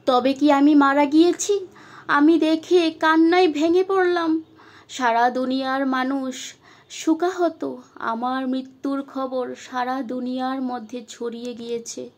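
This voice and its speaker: Woman performing a young woman's spirit: high voice, slow and pleading, tearful emotional monologue. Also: fairly even intonation. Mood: grieving. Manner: pleading, tearful, addressing her mother. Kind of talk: emotional first-person monologue.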